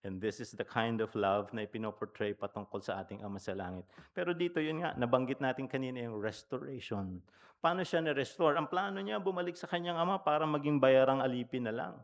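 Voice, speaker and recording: A male pastor with a medium-pitched voice and lively intonation preaches a sermon at a brisk pace. He tells stories conversationally, asks the congregation questions, and switches between Tagalog and English mid-sentence.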